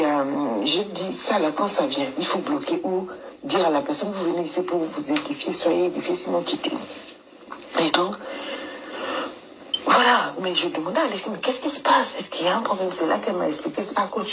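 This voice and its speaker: A woman coach speaking in a voice message played back from a phone, hesitant, with many fillers and restarts. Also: fairly low pitch. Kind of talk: casual spoken voice note. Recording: noisy voice message playback.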